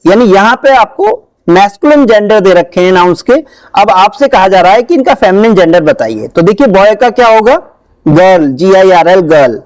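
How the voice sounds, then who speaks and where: A man's voice: sits high, darkish tone, smooth, no echo, poor audio. A man teaching an English grammar lesson, patiently asking questions and then answering them himself. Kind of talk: classroom lesson explanation.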